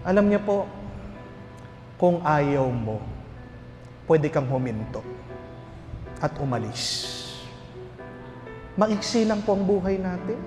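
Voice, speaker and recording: A man, a priest, giving a lively homily full of stories, jokes and rhetorical questions. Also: high-pitched, slow, long pauses. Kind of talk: homily with storytelling. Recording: reverberant hall with faint music.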